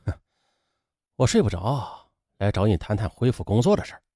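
A man voicing a laid-off husband who is humiliated and simmering with anger, speaking low and quiet. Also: lively intonation, fast talker, husky, dry recording, clean studio sound. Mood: restrained.

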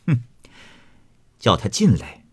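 A man voicing a sharp, domineering young noblewoman who runs the household, cold and scornful. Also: fairly low pitch, sing-song, unhurried. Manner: cold scornful sneering, scolding in outbursts.

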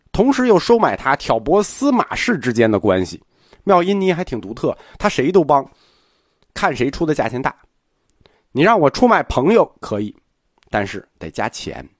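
A man giving a history lecture while seated, talking more softly and slowly than usual. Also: mid-range voice, no room sound, studio quality. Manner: swings between loud-fast and soft-slow delivery; speaking seated, softer and slower today.

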